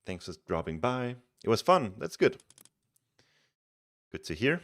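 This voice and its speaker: Speaking with a Danish accent, a man from Denmark chats casually with viewers on a live stream while coaching a game player. His mid-range voice moves at a measured pace, and his relaxed, chatty delivery often restarts words.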